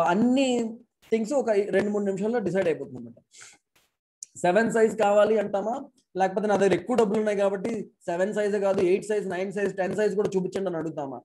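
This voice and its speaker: A man's voice sits high with a dark tone as he lectures remotely to an online class, captured on low-quality audio. He speaks into an external mic plugged into a laptop, mixes in English phrases and poses rhetorical questions.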